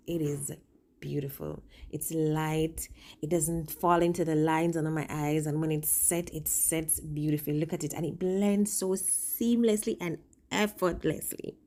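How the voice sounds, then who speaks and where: Her voice deep and warm, a woman who is both a makeup vlogger and a working makeup artist chats through a makeup tutorial with a swollen upper lip. She's informal and emphatic, rambling off into asides as she goes.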